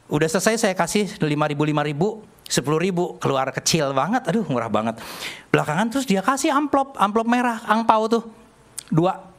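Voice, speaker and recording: A man's voice: sits high, fairly quick. An older man preaching a sermon, telling a personal story in a chatty, joking way. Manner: chatty, jokey, acts out dialogue in animated voices. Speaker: pastor.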